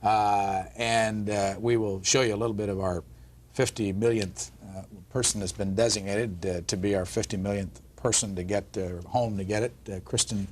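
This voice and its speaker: A man hosting a call-in program, brisk and matter-of-fact as he takes calls. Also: on the low side, fairly even intonation. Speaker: call-in show host.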